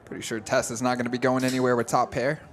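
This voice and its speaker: A young man commentating a live poker stream in a relaxed, analytical way. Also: mid-range voice, fast. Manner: easygoing, analytical. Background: crowd chatter of a poker room.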